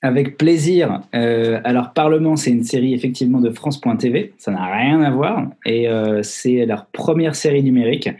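A man's voice: mid-range voice, normal speed, few pauses, mellow, husky. A man, an actor, chatting casually in an interview over a video call, joking with mock-serious tall tales. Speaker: actor guest.

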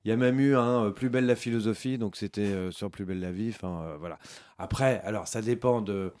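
A middle-aged man speaks as an interview guest, relaxed and rambling, with frequent hesitations. His voice sits somewhat low. He talks casually, as if explaining things to a class. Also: fairly quick. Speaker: philosophy teacher guest.

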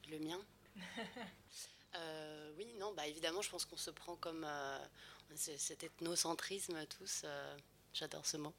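A young woman joins a casual discussion. Her voice is slightly low, with some faint noise behind it. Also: steady tone, a little slow, fairly bright tone. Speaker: panellist.

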